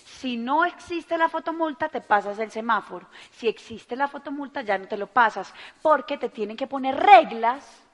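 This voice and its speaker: A woman's voice: sits high, lively intonation, normal speed, few pauses, long reverb tail. A woman giving an emphatic motivational business talk, firing rhetorical questions at her audience. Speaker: business speaker.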